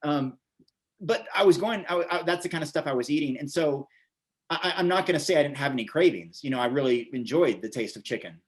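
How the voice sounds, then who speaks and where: An American man in his forties, a vegan bodybuilder and author, tells stories casually as an interview guest, rambling and repeating his words as he goes. His voice is fairly high and expressive, and he speaks a little fast.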